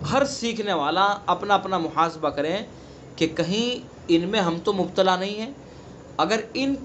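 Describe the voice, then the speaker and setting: High-voiced man teaching Quran recitation. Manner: explains rules plainly, then recites example words slowly and drawn out. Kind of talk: online tajweed lesson. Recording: dull lo-fi sound with faint background noise.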